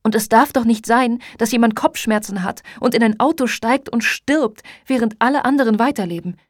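A woman's voice: on the high side, moderate pace, no room sound, clean studio sound, pitched above the performer's own voice, close to an everyday voice. A woman reading a weary, blunt father. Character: tired middle-aged father, weary and blunt. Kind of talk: audiobook character reading.

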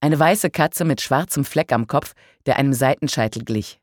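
Brief: audiobook narrator, measured first-person reading, wry humor, close and dry. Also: medium pitch, no echo.

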